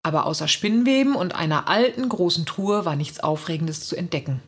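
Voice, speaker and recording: Husky woman reading a storybook. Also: fairly low pitch, brisk. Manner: lively, expressive reading. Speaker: reader. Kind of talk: first-person storybook narration.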